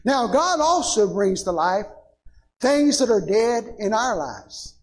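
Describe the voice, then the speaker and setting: A pastor preaching a sermon in a church, building to emphatic peaks and calling out "Amen?" to the congregation. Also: male voice, high voice, very animated, slow, low-quality recording. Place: church sanctuary.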